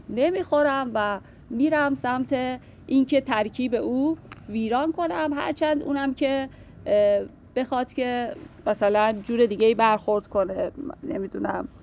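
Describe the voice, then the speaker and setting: A woman's voice: high voice, slight background noise. A woman teaching classical poetry, reading verses aloud and thinking them through as she explains. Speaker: literature teacher.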